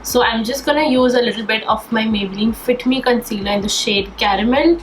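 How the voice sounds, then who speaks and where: A young woman with a highish voice talks a little fast, a bit nasal from a cold, as she enthusiastically chats through her makeup. The beauty vlogger's casual get-ready-with-me tutorial was recorded in an echoey room with faint background noise.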